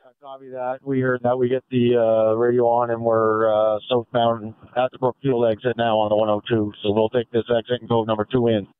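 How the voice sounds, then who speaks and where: A man's voice comes through a two-way police radio, thin and tinny. His tone is clear and dry, and he talks in clipped call signs and codes as he coordinates units. Every line sounds like terse field radio traffic. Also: medium pitch, flat delivery, brisk, no echo. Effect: heard over a two-way police radio.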